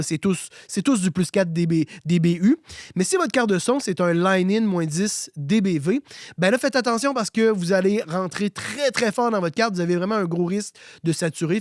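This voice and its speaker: A man with a Québécois accent and a raspy, smoker-like voice, slightly hoarse from a cold, hosting a casual, colloquial tutorial. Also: high voice, no room sound, studio quality. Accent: Québécois French. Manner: colloquial, conversational. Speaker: host of an audio tutorial channel.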